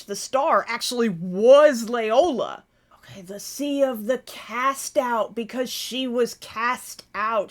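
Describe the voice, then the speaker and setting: A woman hosting a reaction video, talking casually and expressively, with frequent exclamations and swearing. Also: a little high.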